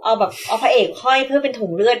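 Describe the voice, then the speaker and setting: Fast-talking woman recapping film scenes. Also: a little high. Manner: fast, chatty retelling of scenes. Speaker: podcast panelist. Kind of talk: casual movie review chat.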